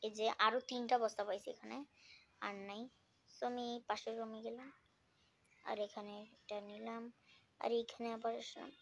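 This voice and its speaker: Excitable woman. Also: fairly high pitch, measured pace, creaky, pauses often, slight background noise. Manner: chatty, excitable, with hushed whispering stretches. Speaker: gaming vlogger. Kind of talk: casual mobile game commentary.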